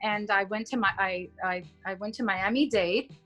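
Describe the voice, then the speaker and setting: A Cuban-born woman in her forties talks about her life as an opera singer in a casual video-call interview from a room at home, recorded through a laptop camera. She's chatty and warm, storytelling with many fillers, in a mid-range voice at normal speed, with soft music in the background.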